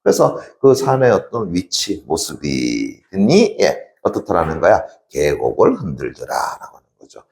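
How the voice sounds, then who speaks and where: A man's voice: deep voice, wildly swooping pitch, moderate pace, few pauses, a little mellow, reverberant. A man teaching a literature class in a lecture style, asking rhetorical questions and answering them himself.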